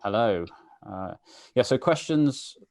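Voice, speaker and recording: A man's voice: mid-range voice, animated, takes it slowly, creaky, darkish tone, no echo. A man hosting a live online meetup, chatty and full of fillers, greeting viewers by name over a video call. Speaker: webinar host. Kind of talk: casual live-stream chat.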